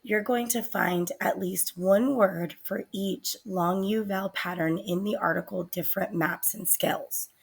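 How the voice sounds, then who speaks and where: A woman teacher giving a recorded spelling lesson, speaking slowly and deliberately and sounding out words. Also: medium pitch, fairly even intonation, gravelly, husky.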